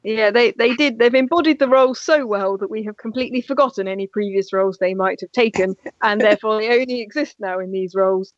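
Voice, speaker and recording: A woman podcast host leads the questions in a casual chat, joking as she goes. Her medium-pitched voice is fast with few pauses, and the recording sounds dull and dry.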